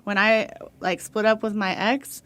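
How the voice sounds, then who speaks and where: A woman's voice: medium pitch, fairly even intonation, measured pace, a bit bright. A young woman from Houston, Texas, chatting casually as a podcast guest, rambling with lots of fillers and laughs. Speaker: podcast guest, dog trainer. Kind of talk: casual interview chat.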